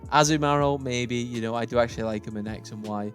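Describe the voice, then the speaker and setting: A man's voice: medium pitch, quick pace, soft background music. A man giving casual, opinionated tier-list commentary, thinking aloud as he sorts. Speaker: gaming YouTuber.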